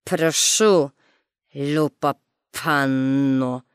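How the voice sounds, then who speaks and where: Lady putting on a grumpy hissy circus boss, low and growly. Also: drawn-out words, smooth, dry recording, studio quality, exaggerated voice. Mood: grudging. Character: gruff hissing male circus director.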